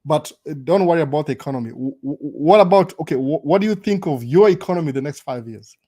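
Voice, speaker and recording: A man's voice: a little high, expressive, fast, mellow. A young adult man with a Kenyan accent hosting a casual live stream, switching between Swahili and English and stammering through restarts. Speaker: host.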